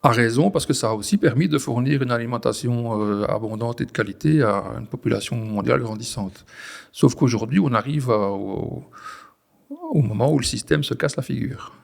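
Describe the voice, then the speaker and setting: Gravelly Belgian man in his forties. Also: mid-range voice, moderate pace. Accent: Belgian French. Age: 40s. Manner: hesitant, many restarts and fillers. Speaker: farmer, guest. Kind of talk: conversational interview.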